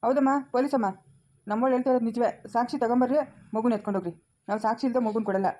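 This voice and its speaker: A woman's voice: on the high side, steady tone, rapid-fire, mellow, no room sound, natural voice. A woman playing a protective older woman of the family, blunt and dismissive, in an amateur family drama.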